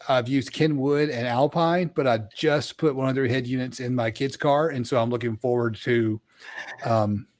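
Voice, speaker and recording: A man's voice: mid-range voice, darkish tone. Middle-aged man chatting on a video call. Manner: easygoing, chatty, some stumbling restarts. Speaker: co-host. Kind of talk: casual chat about audio gear.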